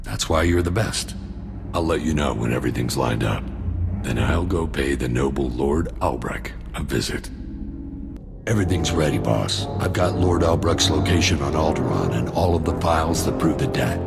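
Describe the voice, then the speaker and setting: This sardonic alien arms dealer and mercenary soldier has a very deep voice thick with gravel, and he shares his greedy plans in a pleased, confiding tone. His dry humour comes through in relaxed game-cutscene dialogue delivered at a moderate pace, with music loud underneath.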